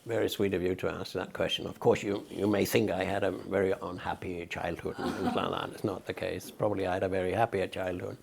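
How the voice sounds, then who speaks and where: A man's voice: sits low, flat delivery, fairly quick, vocal fry, hardly any pauses, noisy background. An older man from Denmark, giving outspoken, emphatic interview answers as a guest. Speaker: interview guest, peace researcher.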